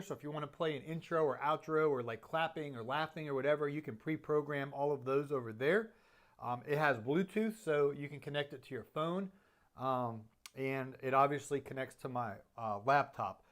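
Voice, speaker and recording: A podcaster casually reviews his audio gear in a chatty, self-deprecating way, full of fillers and restarts. His voice sits on the high side at a moderate pace.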